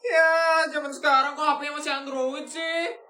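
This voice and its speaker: Snooty, sneering young bully, played by a woman; high and roomy. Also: steady tone, moderate pace, bright, forceful tone, raised voice, slight background noise. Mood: mocking. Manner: sneering, taunting. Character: snobbish mocking schoolgirl bully.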